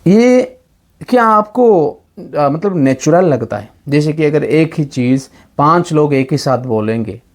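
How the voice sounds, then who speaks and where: Emphatic man with a lively voice. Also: on the high side, unhurried. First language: Odia. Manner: emphatic, rhetorical questions, mixes English phrases. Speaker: Bible teacher. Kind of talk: argumentative Bible talk.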